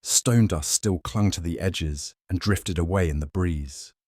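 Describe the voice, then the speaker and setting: Male narrator for a scripted mystery, low and husky, measured and ominous. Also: darkish tone, no echo, studio quality.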